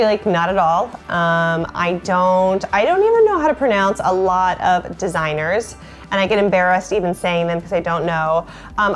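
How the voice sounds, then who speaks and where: A woman in her late twenties chatting casually to camera, bubbly and talkative, filling her sentences with "like". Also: mid-range voice. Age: late 20s. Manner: chatty, lots of "like" fillers, bubbly.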